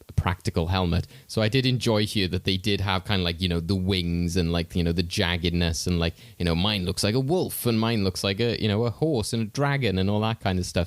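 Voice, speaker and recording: A man's voice: on the low side, no echo. A man talking casually on a film podcast, rambling and full of fillers. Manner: rambling, full of "like" and "you know". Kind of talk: casual chat.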